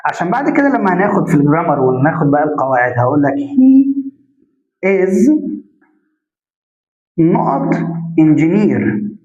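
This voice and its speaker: A man's voice: a little high, sing-song, a little mellow. A man with an Egyptian Arabic accent teaching a grammar lesson step by step, putting questions to the class and answering them himself, and stretching out example sounds. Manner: drawn-out spoken examples. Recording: echoey room, dull lo-fi sound.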